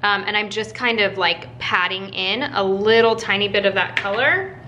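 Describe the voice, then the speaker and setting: A woman's voice: medium pitch, moderate pace, bright, forceful tone, slight background noise. A woman chatting casually to camera as a home makeover vlogger, explaining her DIY steps in an informal way.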